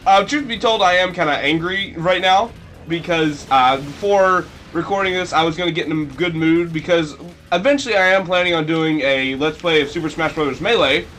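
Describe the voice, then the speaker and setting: A man giving casual, goofy gameplay commentary, rambling and breaking into sudden shrill yelps. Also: moderate pace, a bit bright, faint music behind. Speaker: let's play commentator.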